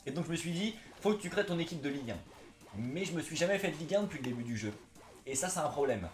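A man's voice: fairly high pitch, expressive, fast, reverberant. A young man with a slight slushy lisp on his s sounds, chatting casually and slangily like a gaming YouTuber. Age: young adult. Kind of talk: casual gaming vlog chat. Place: small indoor room, seated on a couch.

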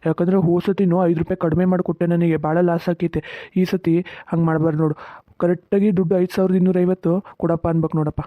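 A fussy older farmer in a cartoon, voiced by an actor. He grumbles and frets at a quick clip. The sound is thin and phone-like, with no room echo. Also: mid-range voice, level tone, close to an everyday voice. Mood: muttering. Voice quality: fast, grumbling, talks to himself. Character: older village farmer with coconut grove, fussy, fretting about money. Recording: tinny narrow-band sound, dry.

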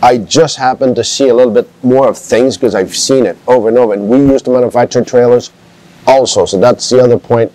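A man's voice: mid-range voice, steady tone, a little fast, mellow, low-quality recording. A man who works as an RV inspector, talking emphatically and a bit like a lecture in casual chat to camera.

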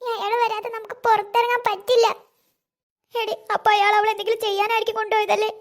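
Scared little cartoon girls, in a very high, piping voice. They chatter in an anxious, fretful way. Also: little pitch movement, fast talker. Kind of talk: cartoon voice acting.

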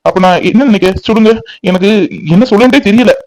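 A man's voice: high-pitched, quick pace, darkish tone, voice pushed up, lightly acted, poor audio. A man voicing a proud, hurt middle-aged father in a cartoon family drama. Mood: aggrieved.

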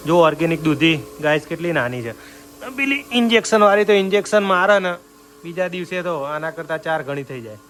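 A man's voice: on the high side, lively intonation, fairly quick, fairly bright tone, slight background noise. A man vlogging casually from his family home, chatty and teasing, talking to his viewers while feeling a bit feverish. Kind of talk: casual family vlog narration.

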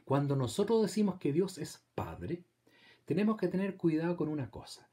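A man's voice: a little high, expressive, normal speed, warm tone. A middle-aged Chilean man teaching a parish theology class in a conversational way, asking his listeners questions and acting out replies. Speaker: theology lecturer.

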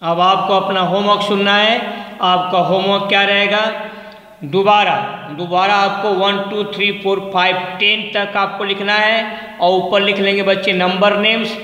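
A male teacher giving a lesson to young pupils, slowly repeating numbers and spelling out each word. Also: high voice, flat delivery, sharp tone. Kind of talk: online class lesson. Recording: echoey room with long reverb.

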